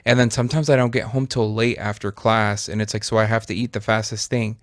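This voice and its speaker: A man's voice: lowish voice, flat delivery, brisk, no echo, clean studio sound. A man in his thirties co-hosting a podcast, talking in a casual, reflective and rambling way with lots of fillers. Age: 30s. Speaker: podcast co-host. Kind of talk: casual chat.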